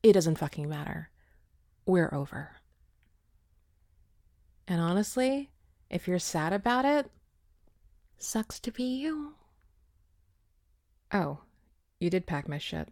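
A woman playing a sneering ex-girlfriend, slow and dry. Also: big pitch swings, a little mellow, dry recording, exaggerated voice. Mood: mocking. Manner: mocking, often low and whispery. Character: scornful young woman, ex-girlfriend, cutting and sarcastic. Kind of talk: amateur audio roleplay.

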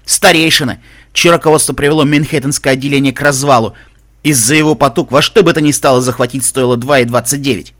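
A man voicing a stern, armored male pony warrior who reasons gravely and deliberately in a storybook reading. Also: medium pitch, steady tone, a bit bright, no room sound, clean studio sound, close to an everyday voice. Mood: grim.

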